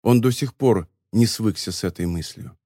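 A man narrating an audiobook in a calm, measured way. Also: lowish voice, no room sound, clean studio sound. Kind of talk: scripted narration.

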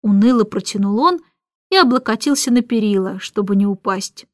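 A woman narrating a children's storybook in an expressive, measured way. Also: medium pitch, no room sound, studio quality. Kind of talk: scripted audiobook narration.

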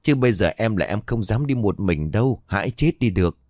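A man's voice: on the low side, animated, fairly quick, darkish tone, no room sound, clean studio sound, natural voice. A man voicing a frightened middle-aged village woman who pleads shrilly. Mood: panicky.

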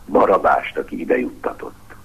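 A man reading aloud the desperate, pleading lines of a broken, wretched man. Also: close to an everyday voice. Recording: dull lo-fi radio broadcast.

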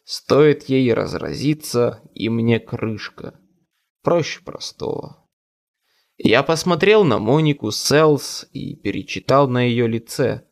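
A male audiobook narrator telling a first-person story in a measured, dramatic way. His pace is slow and unhurried, with a gravelly edge to a mid-pitched voice. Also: animated.

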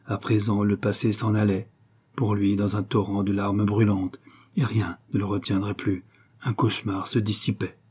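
Low, husky male audiobook narrator. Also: flat delivery, moderate pace, a little mellow. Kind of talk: scripted literary narration.

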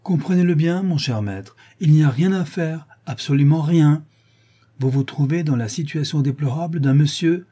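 A suave gentleman thief, put on by a male reader, teasing and grandiloquent in a raised, bright-edged tone. The voice stays husky and mellow underneath, full of ironic flourish. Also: fairly high pitch, normal speed, voice pushed up. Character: suave, mocking gentleman thief, adult man.

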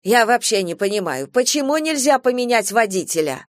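A woman's voice: a little high, sing-song, moderate pace, no echo. A woman voicing a stern, protective elderly grandmother who scolds indignantly, with a dry close sound.

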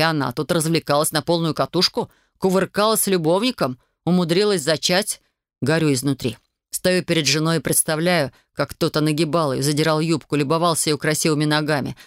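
Male narrator, first-person audiobook, fairly high voice, dry booth sound, brooding. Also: fairly bright tone, dry recording.

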